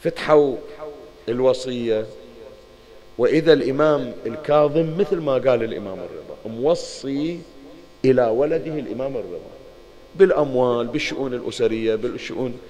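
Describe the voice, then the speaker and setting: A male preacher with a Bahraini accent delivers a religious mourning sermon as lively storytelling. He keeps turning to his listeners and addressing them directly. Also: medium pitch, a little fast, low-quality recording. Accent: Bahraini Arabic.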